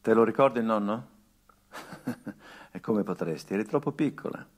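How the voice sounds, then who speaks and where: In a radio play, a stage actor portrays a grown son addressing his murdered father in a theatrical monologue. His delivery is quiet, reflective, and tender, with flashes of bitter emphasis, in a low voice with a breathy edge.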